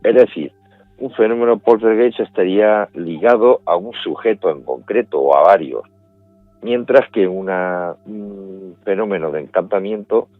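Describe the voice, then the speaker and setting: Deep-voiced Spanish man on a phone-like line. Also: no echo. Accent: Spanish from Spain. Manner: measured, explains step by step with restarts. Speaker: paranormal investigator guest. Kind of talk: interview answers, explanatory. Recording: dry, phone-like remote line.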